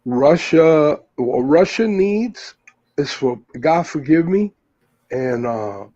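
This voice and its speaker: A man's voice: a little high, lively intonation, slow, dark tone, lo-fi sound. A man from the US Northeast, the host, talking loosely in casual chat, full of fillers and restarts. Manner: rambling, many fillers and restarts.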